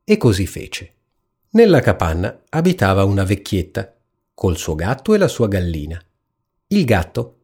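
A man reading a fairy tale aloud in a calm, measured storytelling manner. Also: sits low, breathy edge. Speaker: narrator.

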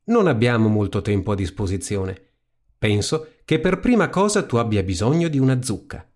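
A man's voice: on the low side, sing-song, moderate pace, darkish tone. A man voicing a kindly, round-faced little fairy godmother in a storybook reading, speaking sweetly and motherly.

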